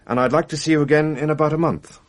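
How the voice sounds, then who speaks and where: Voicing a doctor for radio drama, a man speaks in a natural voice on the high side. The character comes across as calm and matter-of-fact, measured and reassuring, with a slightly wry manner.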